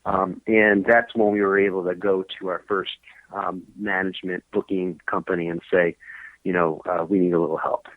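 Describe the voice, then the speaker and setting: A man's voice: deep voice, flat delivery, moderate pace, no room sound. A man in his thirties telling his story as a podcast guest, rambling with many fillers and restarts. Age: 30s. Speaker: guest musician. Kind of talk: casual podcast interview. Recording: tinny phone-line sound.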